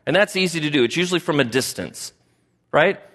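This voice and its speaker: A man with a fairly high voice preaches a sermon to his congregation. He keeps it conversational and keeps checking in with the listeners. His voice carries a long reverb tail, as if it fills a large hall. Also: lively intonation, fairly quick, a bit bright. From United States. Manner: conversational preaching, often asks the congregation questions. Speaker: pastor.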